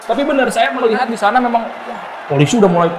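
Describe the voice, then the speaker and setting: A man with a Sundanese accent, telling a lively story in an interview, laughing often and acting out the voices of the people he quotes. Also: very high-pitched, fast talker, reverberant, background noise. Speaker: supporter leader telling a story.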